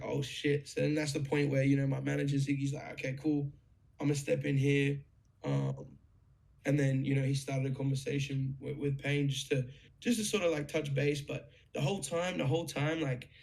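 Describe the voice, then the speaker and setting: A young man with a gravelly, slightly higher voice, telling a story in an excited, casual way. He swears freely and leans on lots of fillers as he talks. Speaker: guest musician.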